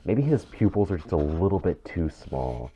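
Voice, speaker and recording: A man with a deep, mellow voice sounds very animated while speaking at normal speed. He co-hosts a podcast and creates audio dramas, rambling through casual chat and frequently rephrasing himself. The mic is dull and muffled, with clear noise.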